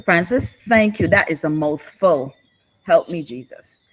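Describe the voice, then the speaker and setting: A woman from Barbados with a Barbadian accent, reporting back to a workshop group in an unhurried, expressive storytelling manner. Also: on the low side, background noise. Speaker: workshop participant.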